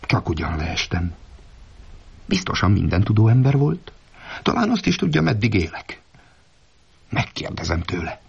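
A man's voice: fairly low pitch, very animated, vocal fry, long pauses, breathy edge, full character voice. A man voicing a foolish, stubborn old peasant in a folk tale, talking in a plaintive, simple-minded way. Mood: fearful. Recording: dull lo-fi recording.

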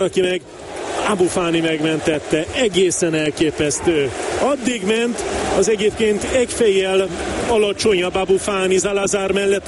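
A man giving live Hungarian football commentary, following play in clipped phrases and player names. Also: high voice. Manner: clipped play-by-play phrases, naming players as they get the ball. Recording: clear stadium noise behind the voice.

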